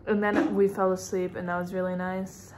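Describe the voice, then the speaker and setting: A young woman chatting casually in a travel vlog, relaxed as she tells a story. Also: lowish voice, normal speed, a little hiss or hum. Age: young adult. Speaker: vlogger.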